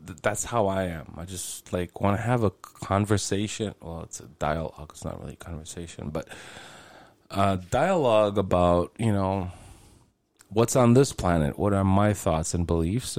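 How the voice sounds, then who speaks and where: A man's voice: low-pitched, a little mellow, dry recording. A man in his late forties hosting his own podcast, talking alone in a rambling, casual way and swearing freely. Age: 40s. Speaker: podcast host. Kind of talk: casual solo podcast monologue.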